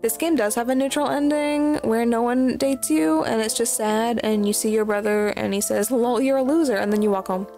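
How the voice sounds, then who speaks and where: High-voiced woman giving casual game commentary. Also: moderate pace, gravelly, few pauses. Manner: chatty, crude and excitable, with playful swearing. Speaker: streamer playing a dating game. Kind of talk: casual let's-play commentary. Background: game music.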